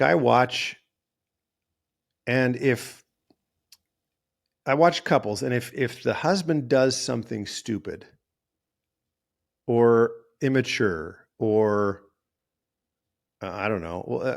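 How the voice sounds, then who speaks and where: A man's voice: mid-range voice, expressive, measured pace, gravelly, pauses often. A male therapist and podcast host talking in a casual, rambling monologue, often correcting himself mid-sentence. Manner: rambling, self-correcting, acts out quoted voices.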